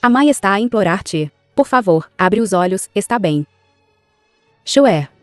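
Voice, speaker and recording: Uma mulher fazendo uma mãe nobre e feroz. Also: female voice, mid-range voice, expressive, measured pace, no room sound, faint music behind, natural voice. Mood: anguished. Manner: accusing, then desperate pleading. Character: grieving mother, noble general's wife, fierce. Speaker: dubbing actress.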